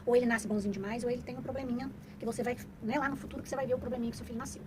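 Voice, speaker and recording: A woman's voice: a little high, steady tone, rapid-fire, noisy background. A middle-aged woman talking casually to viewers as a mother giving parenting advice, emphatic and preachy, repeating her points for stress.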